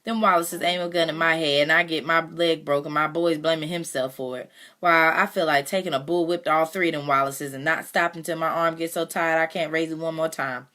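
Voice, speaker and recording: A woman's voice: deep voice, fairly even intonation, a little fast, sharp tone. Woman voicing a blunt, proud farmer father. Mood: bitter. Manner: blunt, firm.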